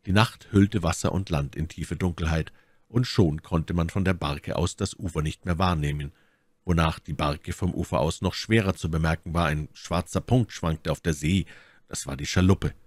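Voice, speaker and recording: A man reading a classic novel aloud as a narrator, with expressive, dramatic narration. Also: sits low, moderate pace, no echo. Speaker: audiobook narrator.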